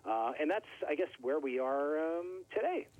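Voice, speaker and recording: A man's voice: fairly high pitch, big pitch swings, normal speed, no echo. A middle-aged man from Canada, a record label owner, talking casually as an interview guest, friendly and full of fillers. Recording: tinny phone line, dry.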